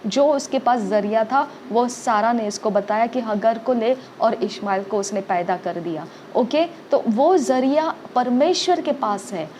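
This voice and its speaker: A woman's voice: on the high side, measured pace, hardly any pauses, darkish tone, a little hiss or hum. A woman preaching a sermon, urging listeners with repeated phrases and frequent "okay?" checks.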